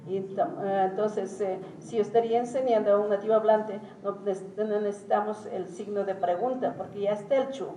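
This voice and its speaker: A woman giving an academic lecture as a teacher, talking haltingly with many pauses and hesitations. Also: medium pitch, fairly even intonation, dark tone. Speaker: symposium speaker and Quichua teacher. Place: conference hall. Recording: roomy hall, distant mic, faint noise.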